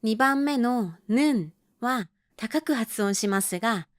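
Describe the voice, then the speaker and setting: A woman teaching Korean in a scripted podcast lesson, speaking slowly and carefully and repeating model phrases. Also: fairly high pitch, lively intonation, no echo, clean studio sound. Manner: slow, careful model pronunciation with repetitions.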